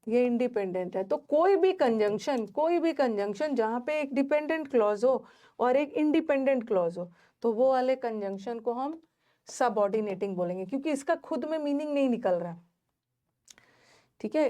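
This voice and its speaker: Female grammar teacher, a touch high, patient step-by-step explainer who keeps quizzing her class. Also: darkish tone. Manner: explains step by step, repeats key words, asks the class questions.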